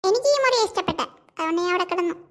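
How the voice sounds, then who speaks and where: A very high, squeaky little boy in a cartoon, cheeky and bossy, always demanding more food, as a woman puts him on. he talks back with a pushy, bratty edge. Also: animated, racing, a bit bright, exaggerated voice. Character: boastful greedy little boy guest. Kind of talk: cartoon voice acting.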